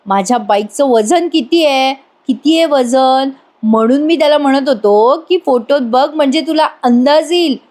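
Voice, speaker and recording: A playful young husband who coaxes and teases his upset wife, as voiced by a woman narrator. The voice stays high, because the woman telling the story does not change her own register. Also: moderate pace, darkish tone, lightly acted. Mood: teasing. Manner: teasing, coaxing.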